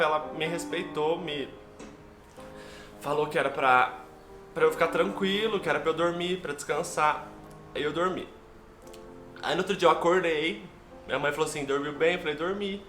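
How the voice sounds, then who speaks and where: A man's voice: on the high side, normal speed, bright, forceful tone. A young man with a Brazilian Portuguese accent, telling a personal story to his viewers in a heartfelt, emotional way. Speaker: vlogger. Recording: echoey room with background music.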